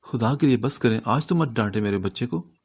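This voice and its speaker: A man's voice: medium pitch, vocal fry, a little mellow, slightly rough. A man voicing a loving older mother who pleads tearfully for her son. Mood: pleading.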